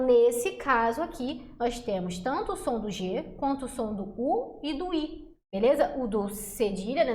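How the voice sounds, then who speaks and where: A woman teaching an exam-prep lesson, chatty and checking in with the class often as she sounds out letters and syllables slowly. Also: high-pitched, a little hiss or hum. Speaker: Portuguese teacher. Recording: echoey room.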